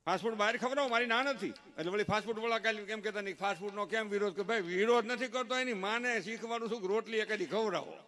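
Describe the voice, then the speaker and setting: A man's voice: high-pitched, quick pace, hardly any pauses, bright, forceful tone. A man performing live folk stage comedy, telling teasing village stories and mimicking family members in exaggerated voices. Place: live stage event with audience.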